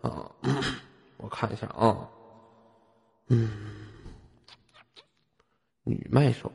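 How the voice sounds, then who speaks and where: A man's voice: medium pitch, very slow, darkish tone. A man with a Northeastern Chinese accent hosting a live voice chat, bantering in a brash, teasing, profane and slangy way. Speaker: host of an online voice-chat audition. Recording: noisy online voice chat with clicks. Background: clear background noise and clicks.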